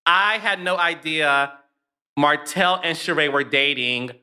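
A man's voice: on the high side, a little slow, bright, forceful tone, clear, resonant tone. A man hosting a casual gossip podcast, telling stories animatedly and laughing often. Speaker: podcast host.

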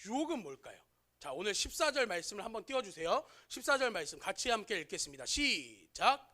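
A man's voice: high-pitched, big pitch swings, fast talker, sharp tone. A man preaching a sermon to teenagers as their youth pastor, often asking his listeners questions and telling an everyday story to make his point.

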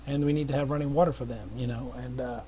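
A middle-aged missionary talks fast to viewers, his mid-range, warm voice keeping a fairly even intonation against slight background noise. His casual appeal is earnest and rambling, with frequent restarts and fillers.

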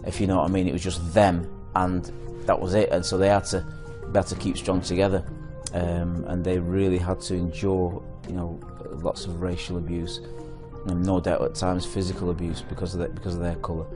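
A man's voice: low-pitched, level tone, brisk, music in the background. A man speaking thoughtfully, searching for words, in a documentary interview.

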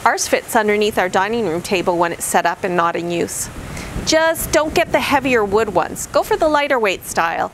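A middle-aged woman vlogger stands outdoors beside a camper trailer, reading a scripted list of camping tips to camera. She is upbeat and enunciates clearly like a presenter, with a medium-pitched, animated voice at a moderate pace and slight background noise.

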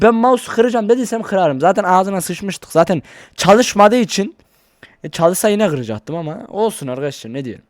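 A man talking casually to his viewers in a vlog, rambling and excitable, into a desk microphone. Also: sits high. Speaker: YouTuber. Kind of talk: casual vlog talk to camera.

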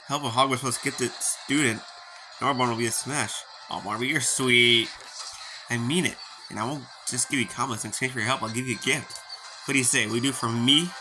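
Casting: a man doing a playful gameplay read-through, acts out the characters' lines, with steady background music. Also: medium pitch, rough recording. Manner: playful, reads lines in character and jokes about them. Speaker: gaming YouTuber. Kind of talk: reading game dialogue aloud with commentary. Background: game music.

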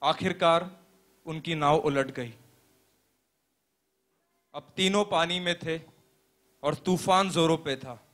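A young man playing a pastor in a stage play, telling a parable as a sermon in a slow, earnest preaching manner with deliberate pauses. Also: fairly high pitch, a bit bright. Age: young adult.

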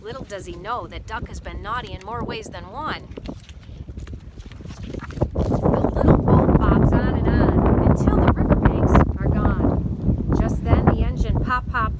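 A woman teacher reading a picture book aloud to children and explaining it slowly, recorded outdoors on a boat. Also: fairly high pitch, very noisy.

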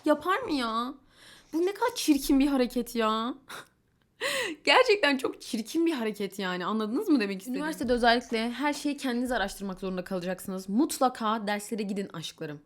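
A young woman telling stories in a casual vlog, candid and chatty, with exasperated asides and quick mimicry of the people she quotes. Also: a little high, expressive. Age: young adult. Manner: quotes others in mimicking voices. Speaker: vlogger.

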